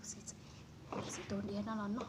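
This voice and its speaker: Woman telling a story over loud noise. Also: mid-range voice, monotone, a little fast.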